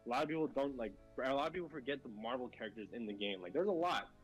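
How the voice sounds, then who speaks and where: Man, casual gaming chat, rambling, fillers, restarts, middle pitch, faint music behind. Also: expressive, very fast, low-quality recording. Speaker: co-host.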